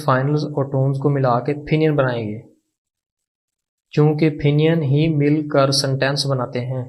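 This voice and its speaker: A man's voice: fairly high pitch, darkish tone. A man with a Pakistani Urdu accent teaching an online language lesson, patient and repeating each word for practice. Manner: slow, patient, repeats words for drill.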